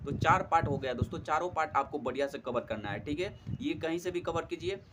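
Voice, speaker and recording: A man's voice: fairly high pitch, fast, background noise. A young man giving friendly, casual study advice as a tutor, often addressing listeners as friends and using many fillers. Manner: friendly, repeats "theek hai doston", many fillers. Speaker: exam prep tutor.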